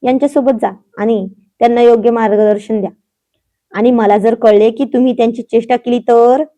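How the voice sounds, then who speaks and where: A woman's voice: on the high side, fairly even intonation, a little fast, mellow, close to an everyday voice. A woman voicing an older man, a fond but commanding head of the family.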